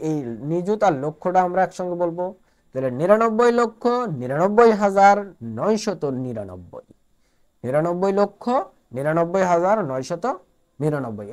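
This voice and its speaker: Woman math tutor, lower voice, rising and falling a lot, repeats each step, checks understanding. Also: darkish tone. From Bangladesh. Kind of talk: board-work math lesson.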